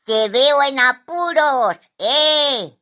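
A woman's voice: medium pitch, sing-song, slow pace, bright, forceful tone, full character voice. A woman voicing an old, clever and sly female magpie in a storybook reading, with a bossy, teasing manner. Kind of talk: storybook narration.

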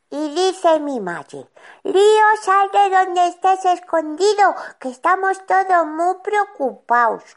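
A woman's voice: high-pitched, heavily acted. A woman voicing a chatty, stubborn little boy who tells a children's-show story and acts out every voice in it. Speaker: child character.

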